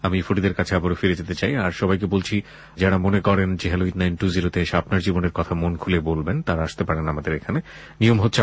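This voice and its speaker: A man with a Bangladeshi accent and a husky voice hosting a late-night life-story radio show, deliberate and philosophical, slipping in English phrases. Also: low voice. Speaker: radio host.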